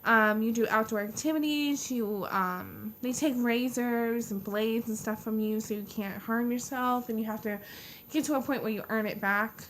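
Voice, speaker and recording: A young American woman vlogging a casual personal storytime in a halting, informal way, leaning hard on the openers of her sentences. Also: fairly high pitch, a little hiss or hum. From United States. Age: young adult.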